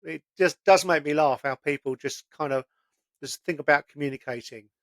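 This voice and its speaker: A man's voice: a little high, normal speed, no room sound. A man, hosting a casual conversation and telling stories in a chatty, plain-spoken way.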